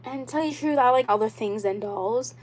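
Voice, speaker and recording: Hosting a casual livestream for her viewers, a doll YouTuber in her twenties speaks at a fairly high pitch and a little fast. Her manner is earnest and insistent; she rambles, loops back to points she's already made, and packs her sentences with "like" and "you know."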